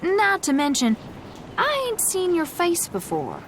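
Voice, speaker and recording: An actress playing a gruff, wary young gunslinger in a video game, stubborn and world-weary, with a blunt, folksy Southern US drawl. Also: female voice, extremely high pitch, huge pitch swings, unhurried, a little hiss or hum, heavily acted. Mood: sheepish. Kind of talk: video game character acting.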